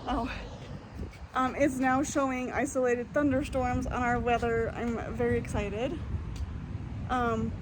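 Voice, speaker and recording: Breathy soft-spoken woman vlogging. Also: a little high, little pitch movement, measured pace, long pauses, background noise. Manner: soft-spoken, often drops to a whisper. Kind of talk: casual vlog chat.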